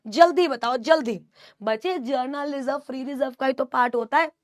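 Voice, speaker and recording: A woman's voice: sits high, normal speed, dry recording, clean studio sound. A young woman teaching a live online class, mixing Hindi and English, affectionate yet scolding as she answers student doubts.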